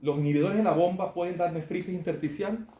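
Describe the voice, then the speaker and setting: A man's voice: high-pitched, fast, warm tone. A man lecturing medical students on clinical cases, conversational and often asking the class questions. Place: lecture hall. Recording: echoey classroom, faint room noise.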